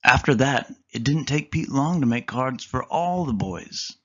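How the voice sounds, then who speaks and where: A man reading a children's picture book aloud with expressive storytelling. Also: mid-range voice, measured pace, muffled recording.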